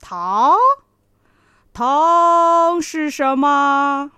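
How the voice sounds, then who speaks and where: A woman voicing a big, greedy and simple-minded male tiger in a children's story, loud and drawn out. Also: high-pitched, drawn-out words, dry recording, heavily acted. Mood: curious.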